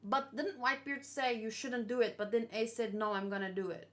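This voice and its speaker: Fairly quick and steady, her fairly high, slightly bright voice carries a manga reaction video. The host chats without a script, thinking aloud and throwing out questions.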